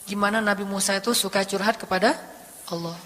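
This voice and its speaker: Animated male preacher in a reverberant hall. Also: sits high, fast. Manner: animated storytelling, acting out quoted voices. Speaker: Islamic preacher. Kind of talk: casual conversational sermon. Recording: echoey hall with long reverb.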